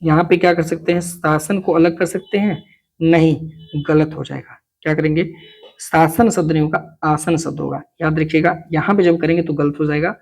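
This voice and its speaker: A slightly high-voiced man teaching a Hindi grammar class for an exam. He works through examples step by step in a friendly, easygoing way. He keeps checking in with his students and calls them by familiar words. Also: little pitch movement, normal speed, gravelly, darkish tone. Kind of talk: exam coaching lesson.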